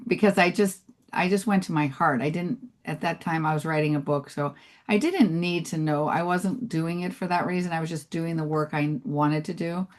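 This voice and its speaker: A woman with a notably low voice hosts an interview, asking loose questions full of restarts and "like"s. Her speech is casual and searching. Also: moderate pace. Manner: rambling questions with many restarts and likes. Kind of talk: conversational interview.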